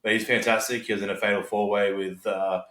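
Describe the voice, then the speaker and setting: A man with a fairly low voice gives casual podcast opinions, reflective and a little hesitant. The sound is noticeably roomy and echoey. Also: flat delivery, brisk, fairly bright tone. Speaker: wrestling podcast co-host. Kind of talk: casual chat.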